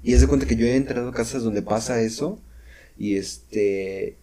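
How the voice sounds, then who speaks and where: A man's voice: medium pitch, normal speed, dark tone. A young man, co-hosting a casual podcast and telling a story animatedly with sound effects and restarts. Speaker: podcast co-host. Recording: home podcast recording.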